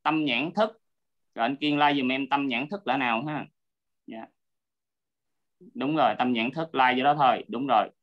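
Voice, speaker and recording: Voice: mid-range voice, normal speed, long pauses. A teacher explaining a Buddhist text in an online class, patiently checking that the student is keeping up. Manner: patient, checks often that the listener is following. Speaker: Abhidhamma teacher. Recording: dull lo-fi audio.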